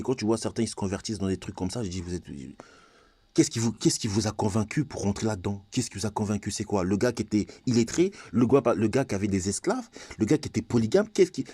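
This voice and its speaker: A man's voice: on the low side, dark tone, slightly rough, no echo. A man from Congo ranting in a vlog monologue, confrontational and repetitive, firing rhetorical questions. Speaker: vlogger.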